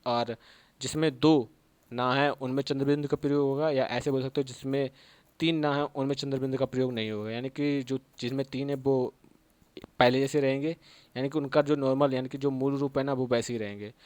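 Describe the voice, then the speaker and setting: A man with a Hindi accent from Uttar Pradesh explains Sanskrit grammar in an exam-prep lesson. He has a mid-pitched voice and goes over each term again and again, often pausing to check that his listeners follow. The recording is close and dry, with no room sound. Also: steady tone, a little mellow, clear, resonant tone, no echo. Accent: Hindi speaker from Uttar Pradesh. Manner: repeats key terms and checks in with "theek hai". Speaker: Sanskrit teacher.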